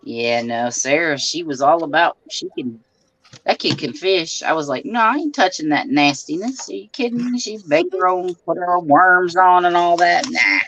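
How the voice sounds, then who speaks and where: A middle-aged woman with a somewhat low, slightly bright voice chats casually at normal speed, telling down-to-earth family stories. The low-quality recording carries a little hiss or hum.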